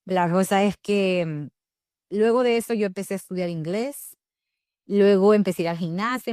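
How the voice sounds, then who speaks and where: A woman's voice: medium pitch, darkish tone, no room sound, clean studio sound. A young woman from El Salvador with a Salvadoran Spanish accent, a podcast guest telling her own story candidly with many fillers and self-corrections. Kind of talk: personal storytelling in an interview.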